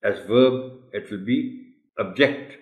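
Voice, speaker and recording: Man, low-pitched pronunciation teacher, unhurried, formal and patient, recorded in a roomy space. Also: expressive. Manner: slow, deliberate, repeats words to model stress; addresses listeners politely and formally. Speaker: English pronunciation tutor for teachers. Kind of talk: tutorial lesson explaining pronunciation.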